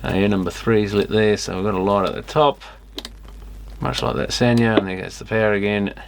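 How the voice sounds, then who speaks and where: An electronics repair vlogger looks over gear in his workshop, muttering and mildly grumbling to himself in casual, off-the-cuff commentary. His voice is lowish and fairly quick with fairly even intonation. A clicky external camera mic makes the recording clearly noisy.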